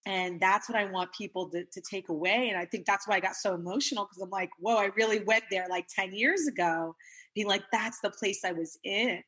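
Husky, earnest woman coach. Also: mid-range voice, brisk, a bit bright. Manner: emotional, earnest, many fillers. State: tearful. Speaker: guest coach. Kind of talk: casual interview chat.

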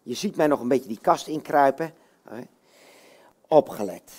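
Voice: mid-range voice, expressive, normal speed, dark tone, husky. A puppeteer chatting with children before a puppet show, asking them question after question. The voice moves up and down a lot as they coax the crowd to join in. It is a live show indoors. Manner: friendly, coaxing, asks many questions. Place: bookshop, indoors.

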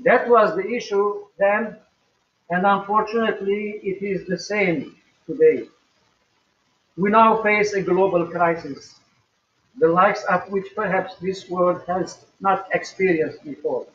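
Older man, pastor, sermon, measured and slow, high voice, echoey distant webcam sound. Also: fairly bright tone, lo-fi sound. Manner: slow, measured preaching with emphatic rises. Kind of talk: recorded sermon. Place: small home room, indoors.

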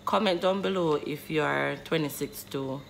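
A woman's voice: low-pitched, normal speed, creaky, a little hiss or hum. A woman in her twenties vlogging casually to her phone camera in a small bedroom, chatty and rambling, often calling her viewers "guys". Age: 20s. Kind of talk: casual vlog talking to camera. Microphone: phone camera close up.

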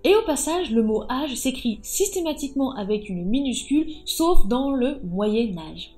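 Chatty woman explaining writing rules, kinda high voice, echoey room, faint music behind. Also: lively intonation, moderate pace, dark tone. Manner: chatty, emphatic, with fillers like hein and bah. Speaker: writing coach. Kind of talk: casual tutorial explaining typography rules.

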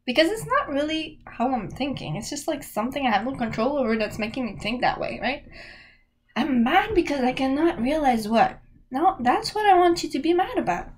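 A woman's voice: high voice, sing-song, fairly quick. A young woman giving a candid, emphatic motivational talk to camera, often checking in with "okay?". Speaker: self-help vlogger.

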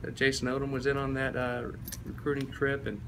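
A man's voice: medium pitch, completely flat delivery, brisk, fairly bright tone, slight background noise, rough recording. A man, a former football player telling laughing anecdotes in a casual interview and often mimicking his old coach. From East Tennessee.

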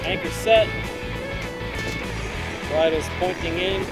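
A man's voice: high-pitched, takes it slowly, over loud music. A man casually narrating his solo sail, chatty and thinking aloud, recorded outdoors on a sailboat deck on a camera mic. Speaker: sailing vlogger.

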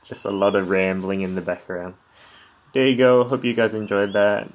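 A man's voice: lowish voice, level tone, normal speed, lo-fi sound. A man giving casual, laid-back reaction commentary on a Muay Thai fight in sparse remarks and short interjections, over background noise. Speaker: fight commentary video creator.

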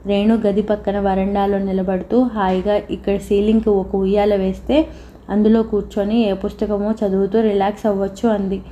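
A woman reading a novel aloud as an audiobook narrator, in a steady, even storytelling voice. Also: medium pitch, normal speed, lo-fi sound, slight background noise.

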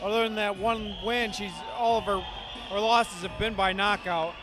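A man's voice: high voice, steady tone, moderate pace, music in the background. A man giving casual live boxing commentary from ringside in a sports hall. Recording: live camera audio with clear crowd noise.

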